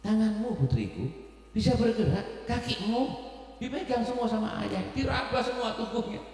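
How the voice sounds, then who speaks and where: A man's voice: high-pitched, animated, moderate pace, vocal fry, a little mellow, pitched above the performer's own voice. A man voicing an old king tearfully overjoyed that his daughter is healed, heard through an echoey hall with faint music. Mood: tender disbelief. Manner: emotional, pleading, crying out.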